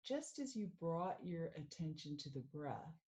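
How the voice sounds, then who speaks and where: A woman working as a mindful living coach, leading a guided meditation in a calm, soothing way. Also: deep voice, slight background noise. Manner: slow, calm, soothing guidance.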